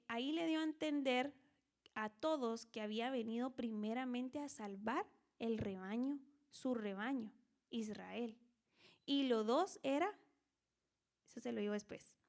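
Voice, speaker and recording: A woman with a somewhat high voice teaching scripture in an online discipleship class. She talks in a relaxed, conversational way and keeps checking in with her listeners. She slips into the voices of the people in the story to bring it to life. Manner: conversational, frequent tag questions; dramatizes scripture characters. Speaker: Bible teacher. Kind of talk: online Bible study teaching.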